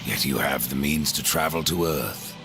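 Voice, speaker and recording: An actor playing Death, a grim, sardonic horseman of the apocalypse in a video game, with a gravelly, dry and terse delivery. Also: extremely low pitch, normal speed. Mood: grim, pressing. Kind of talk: video game cutscene acting. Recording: music behind the voice.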